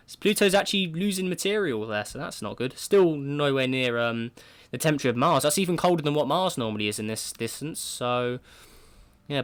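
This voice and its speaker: Suffering from a cold and a sore throat, a man whose voice is a little high and fairly bright chats casually through a space simulation game. He's a gaming video creator who thinks aloud, regularly beginning with "right, so."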